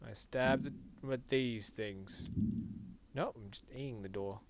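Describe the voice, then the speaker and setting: A young man giving excitable, swear-filled commentary on his own gameplay, talking to himself as he plays. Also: mid-range voice, unhurried, muffled recording, slight background noise. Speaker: gaming channel host.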